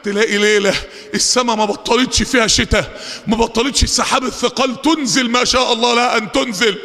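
A man with an Egyptian accent preaching a Friday sermon, fiery, moving between quick asides and drawn-out, shouted recitation. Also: very high-pitched, steady tone, gravelly. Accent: Egyptian Arabic. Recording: long hall reverb.

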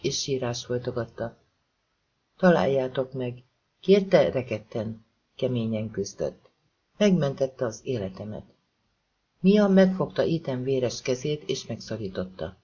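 A man's voice: on the high side, a little mellow, husky, lo-fi sound. A man reading a thriller audiobook aloud, giving the dialogue tense, dramatic delivery. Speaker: audiobook narrator. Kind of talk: scripted narration of a thriller novel.

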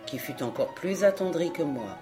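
Brief: measured, solemn reader of a classic novel, faint background music. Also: medium pitch, animated. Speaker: audiobook reader. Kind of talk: literary audiobook narration.

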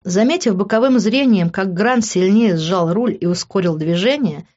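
A woman narrating a first-person audiobook in an even, measured way. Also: medium pitch, highs cut off.

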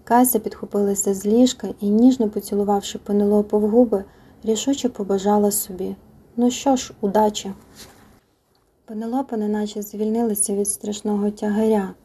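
A woman reads a novel aloud in a soft, intimate audiobook style. Her voice is very dark and mellow with a husky grain, and at times she drops to a near-whisper. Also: mid-range voice, level tone, brisk. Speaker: audiobook narrator. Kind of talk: scripted narration of a novel.

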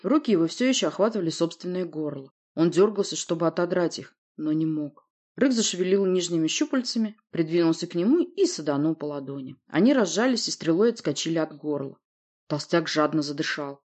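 A woman narrates a fantasy audiobook in a steady, even storytelling manner. Her voice sits fairly low, with a husky grain and a dark, mellow tone. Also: a little fast. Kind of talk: scripted first-person narration.

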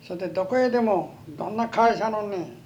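A man's voice: high voice, lively intonation, fairly quick, darkish tone, muffled recording, a little hiss or hum. An elderly man from Japan with a western Japanese accent, telling his life story as an interviewee in a folksy way, often repeating himself. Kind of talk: oral history reminiscence.

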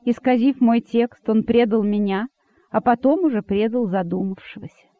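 A man's voice: high voice, normal speed, no echo, lightly acted. A man voicing an outraged male rabbit poet, on a dry, phone-like recording. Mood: indignant. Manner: outraged, exclaiming. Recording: dry, phone-like narrow sound.

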